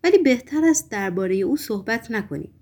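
A woman reading aloud as a nervous, gentle middle-aged male hospital patient who talks in a fussy, reproachful, hushed way, in an audiobook. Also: a little high, expressive. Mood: fretful.

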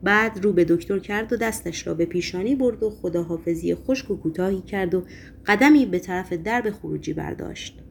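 A woman narrating an audiobook in an expressive, dramatic reading style. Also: fairly low pitch, vocal fry, slight background noise.

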